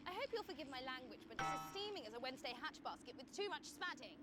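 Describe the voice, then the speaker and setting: An actress playing a spoiled, plaintive aristocratic daughter with an upper-class English accent and a haughty country-gentry manner. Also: female voice, high voice, sing-song, quick pace, over loud music. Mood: haughty indignation. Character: spoiled, indignant aristocratic daughter, childishly devoted to Daddy. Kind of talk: comedy game acting. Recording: very noisy outdoor news report.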